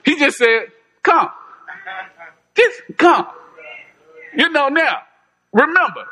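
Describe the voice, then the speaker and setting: Man, informal sermon, high voice, bright tone, folksy, repeats himself. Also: poor audio. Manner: conversational, folksy, repeats phrases, chuckles. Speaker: preacher.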